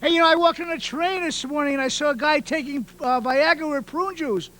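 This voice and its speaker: A man's voice: very high-pitched, fairly quick, bright, forceful tone. A man from Brooklyn, auditioning with stand-up one-liners and laughing at his own jokes. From Brooklyn, New York. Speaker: comedy contestant at an audition.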